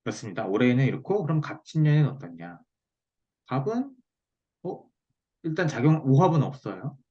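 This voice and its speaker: A saju fortune-telling teacher gives a private online lesson, walking through each step and tossing in short tag questions to confirm understanding. He speaks at a normal pace, very animated, with a mid-range voice and a breathy edge, over muffled, lo-fi video call audio.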